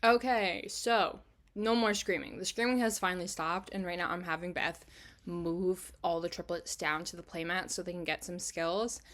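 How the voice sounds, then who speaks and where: A woman giving casual, rambling commentary over a life-sim game as the channel's host, often breaking off mid-sentence and filling pauses with "like" and "um.". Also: on the low side, fairly even intonation, a bit bright. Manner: chatty, fills pauses with "like" and "um".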